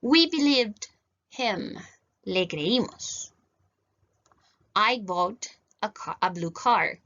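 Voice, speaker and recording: Woman, Chilean accent, teacher, unhurried delivery, patient step-by-step explaining, frequent checks for understanding, muffled lo-fi sound. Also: medium pitch, animated, a bit bright. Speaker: English teacher. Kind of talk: recorded online class.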